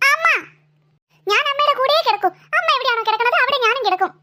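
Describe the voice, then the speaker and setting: Woman doing a whiny cartoon little girl, bickering, squeaky high, quick. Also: expressive, sharp tone, heavily acted. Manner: whining, pleading to her mother. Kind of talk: cartoon voice acting.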